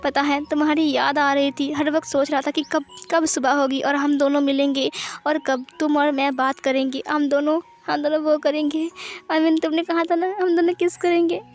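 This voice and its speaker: High-voiced woman reading fan fiction. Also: flat delivery, moderate pace, slight background noise. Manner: voices each character with small pitch shifts. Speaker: storyteller.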